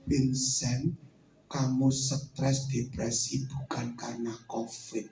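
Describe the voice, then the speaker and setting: A man voicing God as a calm, stern, fatherly divine voice, speaking slowly and in a hushed, solemn way while recounting a testimony. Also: medium pitch, reverberant, far from the mic, faint music behind, voice pushed down, poor audio. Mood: solemn rebuke.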